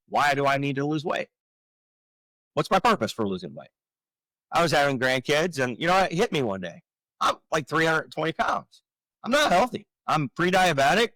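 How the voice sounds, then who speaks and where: A man in his forties, a real estate coach talking on a podcast, explaining his framework with energetic rhetorical questions. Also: a little high, no echo, rough recording. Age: 40s. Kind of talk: casual podcast talk.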